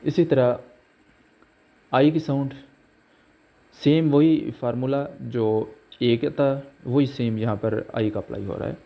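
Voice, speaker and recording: Pronunciation teacher, male, very slow and deliberate, muffled lo-fi sound. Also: mid-range voice, fairly even intonation, gravelly. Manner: slow, deliberate, spells out letters and example words. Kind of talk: slow explanatory lesson. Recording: dull lo-fi recording.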